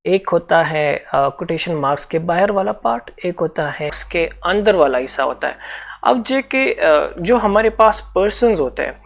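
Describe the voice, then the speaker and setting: A man's voice: fairly high pitch, expressive, moderate pace, creaky. A man with a Pakistani accent teaching a grammar lesson for exam preparation, explaining step by step and repeating key points.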